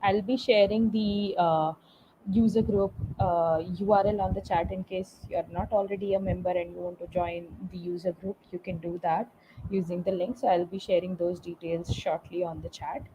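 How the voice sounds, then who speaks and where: A woman's voice: on the low side, little pitch movement, moderate pace, dark tone. A woman with an Indian accent hosts an online meetup, introducing speakers over a video call. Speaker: meetup host. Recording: dull video call with faint noise.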